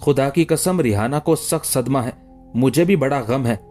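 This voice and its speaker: A man's voice: mid-range voice, moderate pace, a little mellow, faint music behind, natural voice. A man reading the lines of an earnest young woman confiding a secret in an audiobook story. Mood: urgent.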